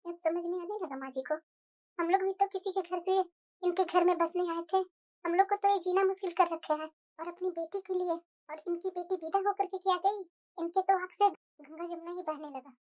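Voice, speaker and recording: Brief: a woman playing a soft-spoken young daughter-in-law, very high and bright. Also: moderate pace. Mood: muttering. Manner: meek, polite, soft-spoken. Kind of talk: cartoon voice acting.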